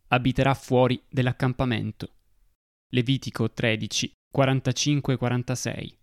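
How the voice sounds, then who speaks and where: A man giving a slow, solemn devotional reading. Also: mid-range voice, gravelly, no room sound, clean studio sound.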